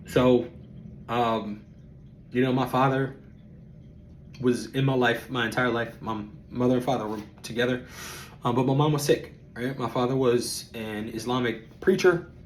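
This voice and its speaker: A man in his thirties hosting a podcast, telling a personal story in a reflective, halting way with frequent ums. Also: medium pitch, fairly even intonation, slight background noise, rough recording. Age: 30s. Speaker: podcast host.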